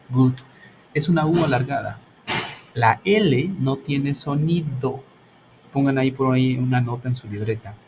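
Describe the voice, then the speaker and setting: A man's voice: mid-range voice, background noise. Bilingual man teaching English grammar. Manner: explains patiently, switches between Spanish and English, frequent "¿ok?". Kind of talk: online class explanation.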